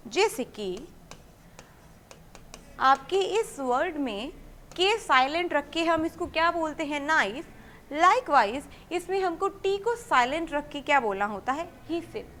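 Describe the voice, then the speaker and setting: A woman teaching English vocabulary to exam students. She explains each word step by step, asks questions and answers them herself, and reads English example sentences slowly and clearly. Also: high-pitched, fairly bright tone, slight background noise.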